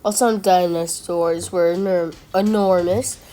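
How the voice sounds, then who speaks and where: Over music, a video creator reacting to school myths speaks in a fairly low, steady voice at a measured pace. She keeps it chatty and playful, arguing with herself and stumbling over long words.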